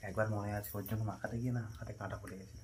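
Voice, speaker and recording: A man with a Bengali accent narrating a casual home vlog, chatty, at times dropping to a hushed murmur and at times calling out loudly to his dog. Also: fairly low pitch, steady tone, very fast, slight background noise. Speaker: vlogger. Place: home, indoors.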